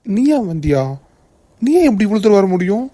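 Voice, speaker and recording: A mellow cartoon male hero. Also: mid-range voice, sing-song, a little fast, dry recording. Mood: soothing. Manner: stern threatening, then gentle and soothing. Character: protective young male hero. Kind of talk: cartoon voice acting.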